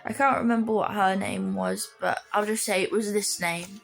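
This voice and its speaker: A woman voicing a brash, sassy woman who whoops and cheers loudly. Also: medium pitch, fairly even intonation, moderate pace, creaky, soft background music, close to an everyday voice. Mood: cheering. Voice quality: whooping, brassy.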